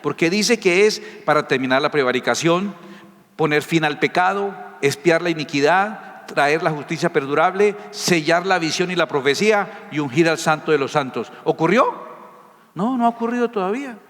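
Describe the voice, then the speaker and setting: A man's voice: a little high, expressive, moderate pace, fairly bright tone. A man preaching a sermon as a pastor, emphatic and firing rhetorical questions at his listeners. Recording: reverberant hall.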